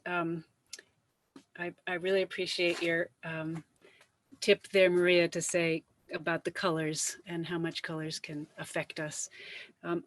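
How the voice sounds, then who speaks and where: A woman artist giving conversational advice as a panel guest, in a measured, reflective way. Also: lowish voice, no echo. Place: online video call.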